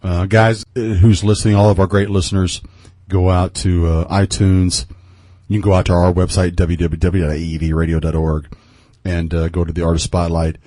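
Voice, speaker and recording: Midwestern male radio host, low voice, dry close mic, rambly with lots of uhs. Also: little pitch movement, normal speed, mellow, dry recording. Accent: Midwestern American. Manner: rambling, many fillers and restarts. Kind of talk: radio interview.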